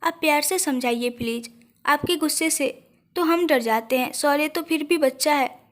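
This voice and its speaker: A woman voicing a timid, innocent young wife in an audio story, talking softly and pleadingly. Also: high voice, normal speed.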